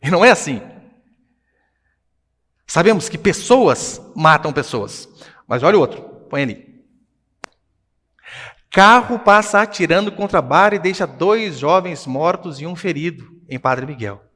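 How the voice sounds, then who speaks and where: A man with a Brazilian Portuguese accent, a pastor preaching a sermon with animated swings between hushed and loud delivery. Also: fairly high pitch, unhurried, long pauses, in a large hall. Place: church hall.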